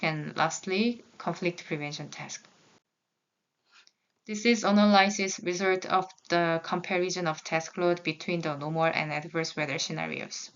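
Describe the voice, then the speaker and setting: On a slightly dull recording, a Korean-native woman, a graduate student, reads out her research findings in English with care, pausing briefly and restarting now and then. Her voice is lowish, smooth and fairly bright.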